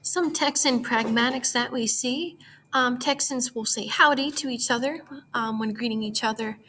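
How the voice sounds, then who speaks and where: A woman's voice: fairly high pitch, moderate pace, bright, forceful tone, a little hiss or hum. Young woman giving a class presentation. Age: young adult. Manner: informative, with frequent ums. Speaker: student presenter.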